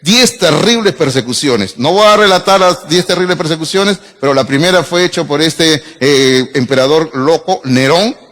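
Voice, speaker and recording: A man's voice: fairly high pitch, normal speed, hardly any pauses, fairly bright tone. Man, middle-aged, pastor, conversational sermon, long hall reverb. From Peru. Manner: conversational preaching with asides and audience questions. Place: church sanctuary.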